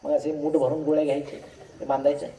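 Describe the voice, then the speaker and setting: A man's voice: on the high side, little pitch movement, fast, dark tone. A man with a Marathi accent giving a humorous public lecture, telling jokes and acting out the dialogue in his stories. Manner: joking storyteller, acts out dialogue. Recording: echoey hall, distant mic, crowd.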